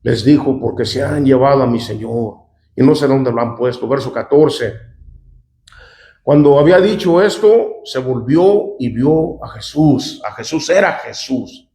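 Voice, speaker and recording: Pastor preaching in an echoey room. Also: male voice, mid-range voice, animated, unhurried, dark tone. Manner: conversational, often asks the congregation "¿verdad?" and "¿cuántos dicen amén?". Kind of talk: sermon reading scripture aloud with commentary.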